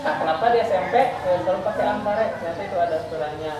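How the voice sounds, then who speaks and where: A man in his twenties from West Java, a teacher telling school stories in an unhurried, reminiscing way. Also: high-pitched, crowd noise. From West Java, Indonesia. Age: 20s. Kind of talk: casual school talk. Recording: echoey room, distant mic, noisy.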